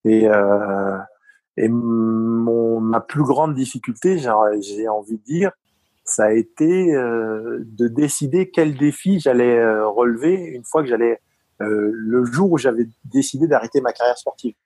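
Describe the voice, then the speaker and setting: A man's voice: mid-range voice, measured pace, mellow, no echo, low-quality recording. A middle-aged man with a Parisian accent, telling his story as an interview guest, hesitant with many fillers and restarts. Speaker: guest, former top-level athlete. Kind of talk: conversational interview.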